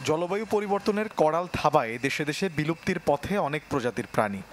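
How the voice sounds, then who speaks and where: A man's voice: a little high, big pitch swings, quick pace. A man with a Bangladeshi accent narrating a scripted television news report as its reporter. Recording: crowd noise behind the voice.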